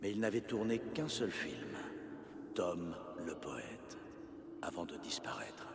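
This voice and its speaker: A man's voice: low-pitched, very animated, slow, creaky, big-room sound, a crowd in the background, heavily acted. An actor voicing an ominous male narrator in a game, telling a legend dramatically and dropping into whispers. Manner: dramatic storytelling, drops to whispers.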